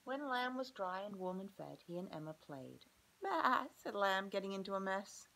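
A woman preschool teacher gently reading a picture book aloud to children and asking them questions about the pages. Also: mid-range voice, expressive, a little fast, creaky, rough recording.

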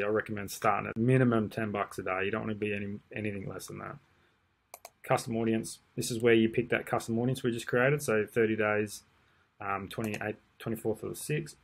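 A marketing tutor with a lowish, gravelly voice casually narrates a screen-share tutorial from his desk indoors. He's relaxed and tends to ramble, filling it with ums and restarted sentences.

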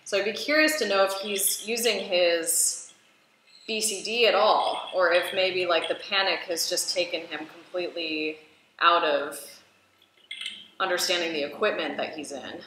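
A woman's voice: on the low side, fairly even intonation, moderate pace, sharp tone, slight background noise. A woman, a scuba diving instructor, chatting animatedly as she reacts to and explains dive footage. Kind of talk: casual reaction commentary. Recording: very echoey room, faint ambience.

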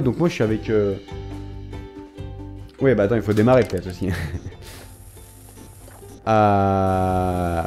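A man giving casual let's-play commentary, excitable and slangy, exclaiming and swearing at the game as he reads its text aloud. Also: fairly high pitch. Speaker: gaming video creator.

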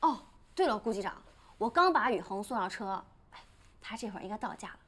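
An actress playing a helpful, playful young flight attendant in a television drama, with an eager manner. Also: female voice, mid-range voice, expressive, a little fast, fairly bright tone. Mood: polite. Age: young adult. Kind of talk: naturalistic TV drama acting. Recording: music behind the dialogue.

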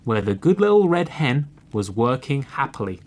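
A man reading a children's fairy tale aloud, slow and expressive. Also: medium pitch. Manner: slow and expressive, clearly read for learners. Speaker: storyteller. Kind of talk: storybook reading.

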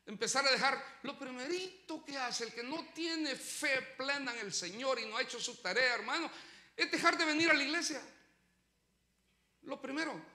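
A pastor preaching a sermon, swinging between loud urgent lines and low quiet ones as he calls his listeners brother. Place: church sanctuary. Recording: echoey church room.

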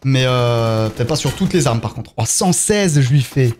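A man's voice: mid-range voice, lively intonation, moderate pace, a little mellow. A young French man streaming a mobile shooter live, chatting with viewers and answering their chat while he plays. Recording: game gunfire faintly behind.

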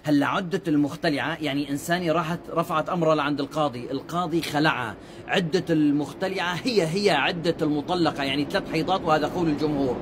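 A male preacher talks in a high voice, in short religious advice segments. He speaks fast and earnestly, explaining points and reciting quoted sayings at length. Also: noisy background. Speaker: Islamic preacher.

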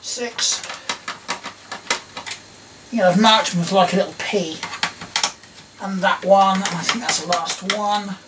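Tools click and clatter clearly as a middle-aged Englishman tinkers with vintage electronics in a small tiled workshop, captured by a camera mic some distance off. He thinks aloud in casual, self-questioning mutters, his high English-accented voice steady and unhurried, with frequent pauses.

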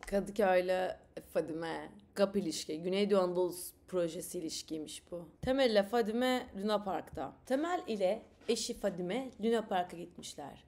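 A woman hosting a live stream, chatting and telling jokes in a lively, animated way. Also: lowish voice, fairly quick, hardly any pauses. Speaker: streamer host.

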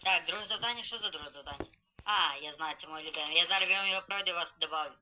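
A man live-streaming a game, chatty and excited, greeting viewers as he plays. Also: fairly high pitch, rapid-fire, a little hiss or hum, rough recording.

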